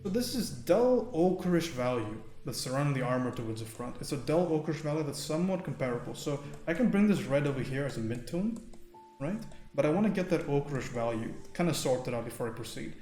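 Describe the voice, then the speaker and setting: A man streaming a live painting lesson, thinking aloud in a relaxed way and often checking in with "right?" while chatting with viewers. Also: a little high, fairly quick. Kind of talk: live painting tutorial with chat. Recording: roomy sound with faint music.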